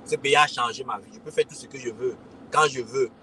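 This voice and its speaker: A man's voice: mid-range voice, brisk, bright, forceful tone, slight background noise, rough recording. A man in his forties from Cameroon with a Cameroonian French accent, casually talking to his followers, often checking in with "ok?" and repeating himself. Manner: repetitive, addresses listeners as "les gars", frequent "ok?". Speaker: crypto consultant and community host. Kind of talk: casual livestream talk to followers.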